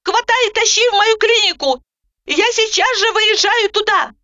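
A woman voicing an excitable, bossy woman doctor who barks emphatic orders, on a dull lo-fi recording. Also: very high-pitched, normal speed, voice pushed up, heavily acted. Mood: alarmed.

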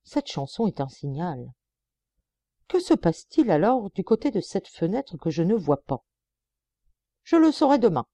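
A level-headed young male detective, voiced by a woman narrating an audiobook, who talks a hot-tempered superior down with calm reasoning. The tone is low and mellow, with lively rises and falls. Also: a little slow, long pauses, no room sound, heavily acted. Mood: pondering.

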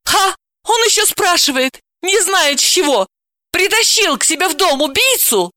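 A woman voicing a hot-tempered young woman who scolds and snaps in a high, indignant voice, in a storybook reading. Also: big pitch swings, moderate pace, sharp tone, dry recording, studio quality. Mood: scolding.

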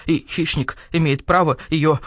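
A woman's voice: sits low, steady tone, unhurried, no echo, clean studio sound. A woman voicing a fussy, self-important male rook doctor in a storybook, who lectures and takes offence. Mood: shaken.

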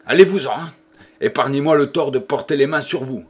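A furious, domineering husband, played by a male audiobook reader, snaps and shouts with wild energy. His voice stays hard and forceful, and every word is an order. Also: mid-range voice, moderate pace, breathy edge, lightly acted. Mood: raging. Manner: raging, shouting outbursts. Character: furious domineering husband refusing his dying wife a priest. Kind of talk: audiobook character voice.

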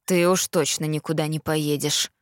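A woman's voice: on the low side, moderate pace, dry recording, studio quality, natural voice. A woman voicing a stern, worried father who is a police officer, speaking firmly and wearily. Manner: firm and weary.

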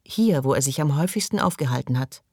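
A man's voice: mid-range voice, animated, quick pace, dry recording, studio quality. A man reading the part of a distraught, lonely young woman in an audiobook, his voice raised and pleading. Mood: anxious, forlorn.

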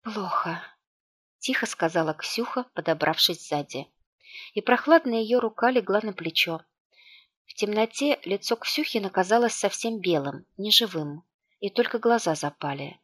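A woman reading an audiobook aloud, with a hushed, tense delivery and light character voicing. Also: medium pitch, animated, normal speed. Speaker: audiobook narrator.

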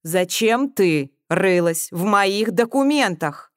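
Жёсткий, угрожающий мужчина средних лет, интриган-начальник, говорит отрывисто и холодно, его озвучивает чтица. Звучит как сцена из аудиокниги, голос сухой, без гулкости. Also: female voice, medium pitch, lively intonation, slow, no room sound, clean studio sound. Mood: demanding. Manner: curt, menacing. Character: middle-aged male scheming official, cold and threatening.

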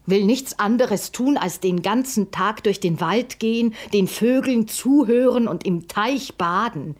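A woman voicing the princess's thoughtful female friend, speaking slowly and musingly. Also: mid-range voice, voice pushed up, close to an everyday voice.

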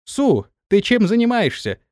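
A man's voice: on the high side, very animated, moderate pace, darkish tone, no echo, studio quality. A man voicing a stern, bossy warrior woman. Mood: commanding. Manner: threatening, bossy. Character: stern commanding female warrior mistress.

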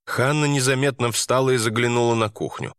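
A male audiobook narrator reading a story in an even, measured way. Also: mid-range voice, clean tone, no room sound, clean studio sound. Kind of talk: scripted narration.

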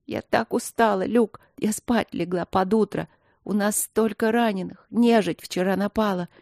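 A woman voicing a young wife who is exhausted and shouting through her tears. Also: fairly low pitch, animated, moderate pace, dry recording, studio quality, close to an everyday voice. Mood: tearful.

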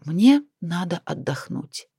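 A woman's voice: on the low side, sing-song, takes it slowly, mellow, husky, no echo, studio quality, exaggerated voice. A woman reading the part of an irritable clairvoyant wife who scolds her husband. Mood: cold, tired. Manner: indignant, reproachful.

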